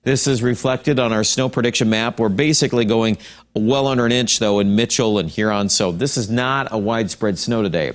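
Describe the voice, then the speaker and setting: Relaxed male TV meteorologist. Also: lowish voice, brisk. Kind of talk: casual broadcast weather forecast.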